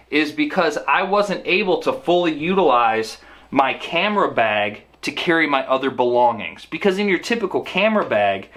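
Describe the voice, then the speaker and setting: A man's voice: a little high, sharp tone. Casual man reviewing camera gear. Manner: conversational, frequent "uh" fillers, upbeat sign-off.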